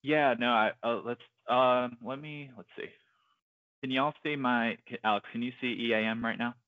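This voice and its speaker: A man giving a live software tutorial, talking in a casual, hesitant way with many fillers. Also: medium pitch, fairly even intonation, moderate pace, dry recording, narrow, tinny audio. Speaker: software trainer.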